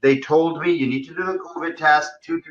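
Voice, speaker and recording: Speaking briskly in a steady, slightly high voice, a middle-aged man on a live stream angrily retells his own experience and acts out others' remarks as dialogue. He comes across agitated and indignant, and the stream sound is dull lo-fi.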